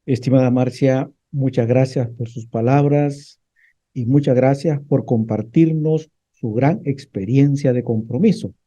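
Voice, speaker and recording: Dark-voiced man hosting radio. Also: mid-range voice, unhurried. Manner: formal and courteous. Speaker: radio host. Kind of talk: formal radio sign-off. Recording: dull lo-fi radio sound.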